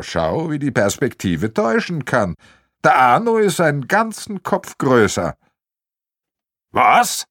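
Lively male audiobook narrator. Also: medium pitch, no echo, clean studio sound. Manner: lively, wry storytelling. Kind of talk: scripted crime novel narration.

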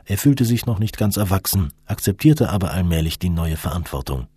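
A man narrating an audiobook in an expressive storytelling manner. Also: low-pitched, a little fast, husky, dry recording, studio quality. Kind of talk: scripted narration.

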